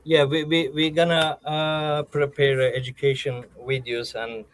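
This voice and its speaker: A man from Turkey with a Turkish accent, a founder answering panel questions on a video call in halting, eager English full of restarts and fillers. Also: a little high, flat delivery, low-quality recording. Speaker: startup founder pitching. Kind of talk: live Q&A answers.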